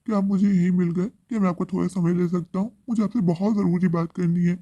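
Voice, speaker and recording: A man's voice: high voice, fairly even intonation, fast, warm tone, dull audio. A man voicing a remorseful grown son who speaks in an earnest, pleading way. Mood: troubled.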